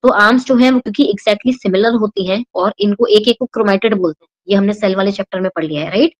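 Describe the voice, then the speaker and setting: Speaking fast in a mid-range voice, a young Indian woman runs an exam-prep biology class in a blend of Hindi and English. She breaks the material into steps and checks on her students after each one, and the sound quality is lo-fi.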